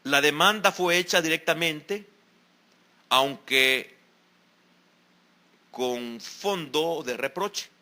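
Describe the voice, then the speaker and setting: A man's voice: a little high, extremely slow, long pauses, pushed and bright. A man preaching an evening church sermon as the pastor, in an emphatic style full of repeated exhortations. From El Salvador. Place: church sanctuary during a service.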